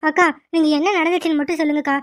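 A woman doing a quick, high cartoon young woman. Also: steady tone, no room sound, clean studio sound, close to an everyday voice. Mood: reassuring. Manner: soothing, reassuring. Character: calm reassuring young woman, caring sister-in-law. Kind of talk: cartoon voice acting.

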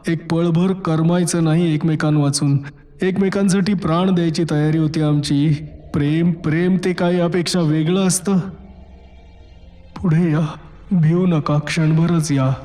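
A man reading a first-person horror story aloud, measured and dramatic with deliberate pauses. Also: a little high, fairly even intonation, mellow, soft background music. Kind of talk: scripted horror audiobook narration.

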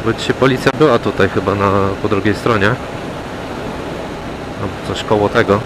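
A man's voice: on the low side, moderate pace. Man vlogging from a motorcycle. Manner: relaxed, chatty, wry remarks on traffic. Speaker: motovlogger. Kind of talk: casual commentary while riding. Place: riding a motorcycle on city roads outdoors. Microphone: helmet mic. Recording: clear road and engine noise. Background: road and traffic noise.

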